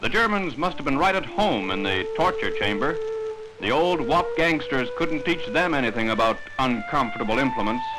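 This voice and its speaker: A man narrating a 1940s wartime newsreel in a brisk, wisecracking announcer manner. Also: medium pitch, animated, rough recording. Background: music score.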